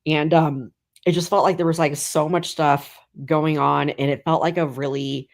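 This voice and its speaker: Casual guest: thirties woman, deep for a woman, meandering chat full of fillers. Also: steady tone, normal speed. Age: 30s. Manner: rambling, heavy filler "like". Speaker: guest comedian.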